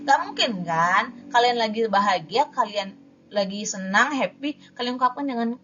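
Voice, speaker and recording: A woman's voice: fairly high pitch, lively intonation, normal speed, a bit bright, faint music behind. Young woman teaching poetry reading, lo-fi. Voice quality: struggles with the S-R cluster. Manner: chatty, self-correcting, demonstrates sounds aloud. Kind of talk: casual spoken lesson. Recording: dull lo-fi home recording.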